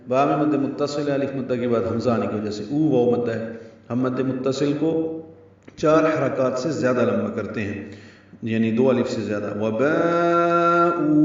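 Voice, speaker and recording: A man's voice: medium pitch, a little mellow. A man teaching the rules of Quran recitation step by step and chanting short examples between his explanations. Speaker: tajweed teacher. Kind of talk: tajweed lesson. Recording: echoey, distant, muffled recording.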